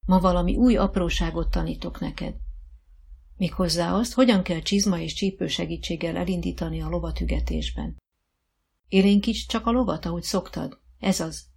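A woman's voice: lowish voice, gravelly, slightly rough, heavily acted. A woman doing a patient riding instructor. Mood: encouraging. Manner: calm, encouraging, gently teasing.

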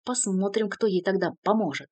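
A woman voicing a hot-tempered young male count who shouts in a raised, high voice. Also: a little fast, dry recording, natural voice. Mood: angry muttering.

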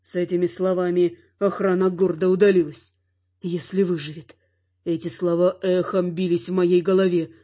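Man narrating an audiobook, fairly high voice. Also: flat delivery, normal speed, few pauses, warm tone, muffled recording. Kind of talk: first-person audiobook narration.

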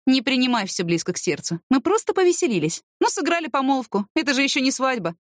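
A woman's voice: high-pitched, sing-song, fast talker, no room sound, clean studio sound, pitched above the performer's own voice. A woman voicing a tired, defensive young woman with a headache, in a storybook reading. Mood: weary.

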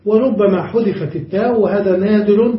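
A high-pitched male teacher giving a grammar lecture, working through each rule patiently and pausing to ask his class whether they have understood. The recording is muffled and taken from a distance in a reverberant room. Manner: explains step by step, checks understanding with the class. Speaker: sheikh teaching Arabic grammar. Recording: dull, echoey room, distant mic.

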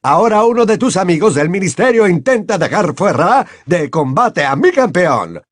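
A man reads as a furious headmaster, high and husky, his pitch swinging wildly as he accuses. Close, dry storybook sound. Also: very animated, normal speed, no echo. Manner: accusing, ranting. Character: indignant, suspicious foreign headmaster man. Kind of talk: audiobook character voice.

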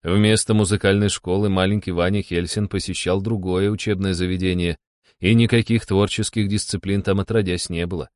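A man's voice: low voice, fairly even intonation, fairly quick, a little mellow, no echo, studio quality. A man narrating a humorous novel as an audiobook in a wry, ironic tone. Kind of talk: audiobook reading.

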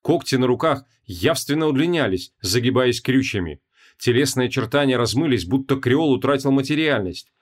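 A man narrating a fantasy audiobook with an expressive, dramatic reading. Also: mid-range voice, normal speed.

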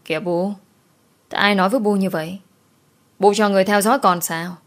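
A woman voicing a gentle young master who pleads earnestly with his mother. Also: mid-range voice, fairly even intonation, a little fast, lightly acted. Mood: pleading.

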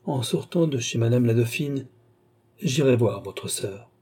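A man reading an audiobook, voicing a composed doctor who speaks in a calm, measured and gentle way. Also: medium pitch, breathy edge. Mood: grave. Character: grave, composed male doctor.

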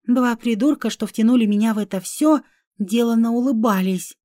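A woman reads a first-person fantasy audiobook, telling the story wryly and expressively. Her voice is fairly high but mellow in tone. The sound is dry and close. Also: normal speed, no echo. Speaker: audiobook narrator.

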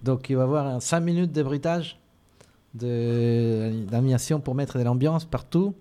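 A man organizing a radio workshop, coordinating the speakers steadily and gently but firmly. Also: mid-range voice, moderate pace, smooth. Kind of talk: casual chat.

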